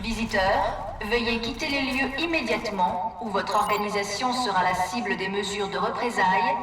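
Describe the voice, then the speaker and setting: Stern female security system voice, commanding loudspeaker warnings, roomy echo under loud music. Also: medium pitch, normal speed. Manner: cold, formal, commanding. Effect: facility loudspeaker announcement. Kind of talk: video game announcer. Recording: echoey, distant, over loud game music and gunfire.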